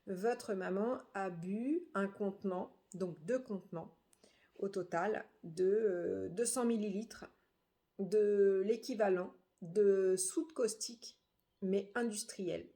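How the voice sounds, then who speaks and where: A middle-aged woman giving a grieving personal testimony, halting and subdued, with frequent hesitations. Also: medium pitch, warm tone. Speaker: bereaved daughter.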